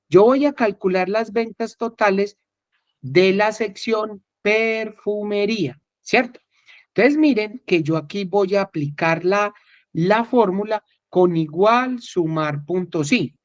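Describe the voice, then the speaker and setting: A man with a high-pitched voice teaches a recorded online spreadsheet class at a slightly slow pace, explaining step by step and often checking that listeners follow. The recording is dull, dry and lo-fi, with no echo.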